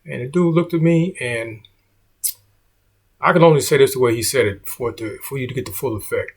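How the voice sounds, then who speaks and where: A man's voice: mid-range voice, fairly quick, slightly rough. A middle-aged man, a comedian, telling a story in a laid-back way and saying "man" often.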